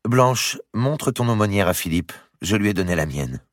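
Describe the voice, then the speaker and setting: Un homme qui prête sa voix à une jeune princesse joueuse, moqueuse et coquette, dans un livre audio. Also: male voice, lowish voice, lively intonation, moderate pace, dry recording, clean studio sound, pitched above the performer's own voice, natural voice. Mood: taquine. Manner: mocking, coquettish.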